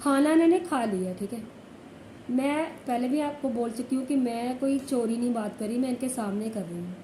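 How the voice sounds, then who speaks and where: High-voiced woman vlogger, complaining. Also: moderate pace, dark tone, roomy sound, a little hiss or hum, low-quality recording. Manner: complaining, repeats herself, keeps asking "ठीक है?". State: sick with fever. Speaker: village vlogger. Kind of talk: casual vlog talk to camera. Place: home indoors.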